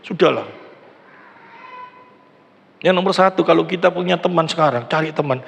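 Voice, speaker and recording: A man's voice: on the high side, moderate pace, creaky. A middle-aged male pastor with an East Javanese Indonesian accent, preaching a conversational sermon, acting out quoted voices and asking the congregation questions. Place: large church hall. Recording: long church hall reverb.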